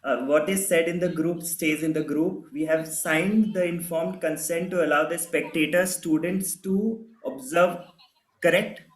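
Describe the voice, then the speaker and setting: An actor playing a hesitant man in his twenties from Lucknow who speaks haltingly with many fillers. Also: fairly high pitch, fairly even intonation, roomy sound, natural voice, poor audio. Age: 20s. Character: hesitant young man in a support group.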